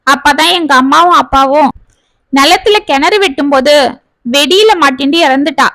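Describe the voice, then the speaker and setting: A woman voicing a gentle young woman who pleads and confesses in a spoken family story. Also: high-pitched, normal speed, no echo. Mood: remorseful.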